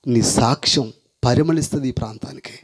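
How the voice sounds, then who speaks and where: A male preacher delivering an impassioned sermon, pleading with his listeners and swinging from shouts to hushed whispers. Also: mid-range voice, brisk, slightly rough. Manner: pleading and commanding the congregation.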